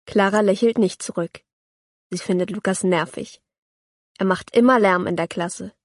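Calm woman reading a children's story. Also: mid-range voice, moderate pace, dry recording, clean studio sound. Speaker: narrator.

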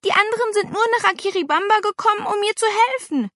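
A woman voicing an excitable little girl with a big appetite, coaxing and eager in an audiobook. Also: extremely high pitch, fast, dry recording, clean studio sound, pitched above the performer's own voice. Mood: pleading.

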